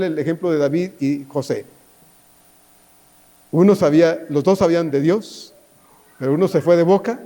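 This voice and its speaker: A man preaching a sermon as pastor, pleading and dropping to a hushed voice at times. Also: on the high side.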